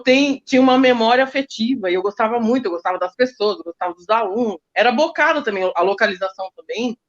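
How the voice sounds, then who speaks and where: A woman teacher, recounting school stories in an emotional, animated way. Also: on the high side, highs cut off. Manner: emotional, animated retelling with quoted speech. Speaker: teacher guest. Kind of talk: storytelling in a casual interview.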